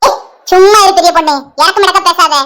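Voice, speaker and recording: A stubborn, teasing old village grandmother from a cartoon, voiced by a woman. She speaks with a Tirunelveli Tamil accent in a very high, squeaky voice and chatters quickly. She never stops pestering the young ones. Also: steady tone, noisy background.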